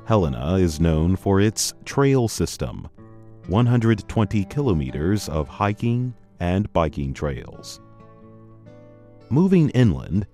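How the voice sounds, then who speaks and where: A program host narrates slow, scripted educational material in a deep, warm male voice. His delivery is measured and carefully enunciated for learners. It's a dry studio voice-over with faint music underneath.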